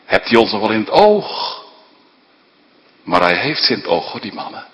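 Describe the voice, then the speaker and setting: A man's voice: on the low side, big pitch swings, normal speed, a bit bright, a little hiss or hum. A man dramatically retelling a Bible story, asking his listeners rhetorical questions as a preacher. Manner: vivid, asks listeners rhetorical questions, tag "hè". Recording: long reverb of a large hall.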